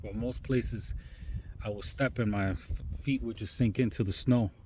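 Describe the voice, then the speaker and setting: Guy vlogging out on a snowy trail, kinda low mellow voice, cold and worn out, faint outdoor hiss behind. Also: moderate pace. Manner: calm, musing, many "you know" asides. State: cold and tired from hiking. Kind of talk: reflective outdoor vlog talk. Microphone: handheld phone.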